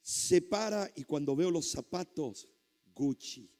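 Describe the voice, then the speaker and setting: A male pastor preaching a sermon through a lively story, with exclamations and sound effects. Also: a little high, slow pace.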